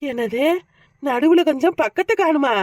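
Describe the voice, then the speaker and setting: A woman's voice: sits high, moderate pace, darkish tone, no room sound, studio quality. A woman with a southern Tamil accent, making mocking, sarcastic comments on a cartoon scene. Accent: southern Tamil Nadu. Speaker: comic commentator.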